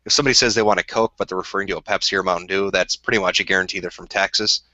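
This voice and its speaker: A man from Minnesota with a Minnesota accent, a bit drunk and talking crudely on a livestream. His voice is bright and a little low, and the dull, lo-fi audio sounds dry and close. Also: steady tone, very fast. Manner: crude, rambling, laughs often. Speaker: streamer. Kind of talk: casual livestream chat.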